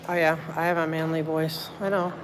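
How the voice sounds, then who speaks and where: Speaking a little fast in a low, flat voice, a woman livestreams from the hallways and elevators of a public building where she films city meetings. The phone stream is noisy, and her casual chat wanders as she thinks aloud and thanks viewers.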